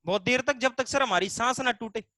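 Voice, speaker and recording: A man's voice: very high voice, fairly quick, pushed and bright, dry recording. A man teaching a live online Hindi class, explaining step by step, voicing students' questions himself and stretching vowel sounds to demonstrate them.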